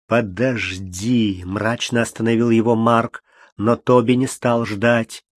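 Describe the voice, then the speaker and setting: In a dry, studio-quality recording, a man with a mid-range voice narrates an audiobook, keeping his storytelling measured and even.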